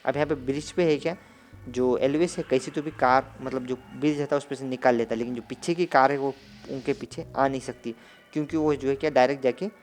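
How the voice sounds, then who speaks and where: A man's voice: medium pitch, darkish tone. Rambling man retelling a movie. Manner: loose rambling retelling with filler phrases. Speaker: movie recap narrator. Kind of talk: casual spoken movie recap.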